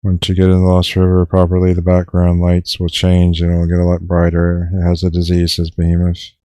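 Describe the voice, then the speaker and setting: Here a young man speaks briskly and casually over his survival-game stream, low-key and monotone, with rambling fillers and restarts. There's no echo.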